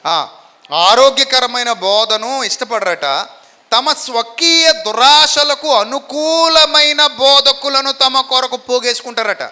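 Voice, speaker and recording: A male pastor preaching a sermon, animated and constantly questioning his congregation so they call answers back. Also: high voice. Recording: long hall reverb.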